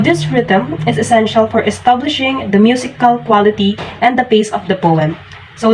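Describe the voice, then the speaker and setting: A woman's voice: a little high, recorded from a distance, rough recording. A woman walks through a poetry lesson point by point in a recorded teaching demonstration. She sits well back from the microphone. A faint hum of room noise sits under her voice. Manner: explains in steady steps, starting many sentences with "so". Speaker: student teacher presenting a lesson.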